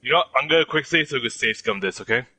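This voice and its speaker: A man chatting casually as he co-streams a game, with a raspy voice. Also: mid-range voice, animated, racing, pushed and bright. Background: music.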